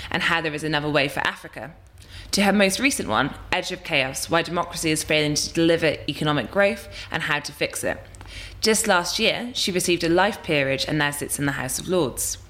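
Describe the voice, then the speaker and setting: A woman with a low voice hosts a podcast. She reads a scripted introduction of her guest, then moves into easy, conversational questions. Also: a bit bright. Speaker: podcast host.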